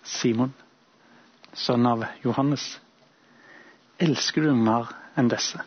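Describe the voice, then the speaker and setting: A man voicing Jesus as a calm, gentle man asking slow, measured questions in a sermon retelling. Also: mid-range voice, slightly rough, dull audio, close to an everyday voice. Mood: searching.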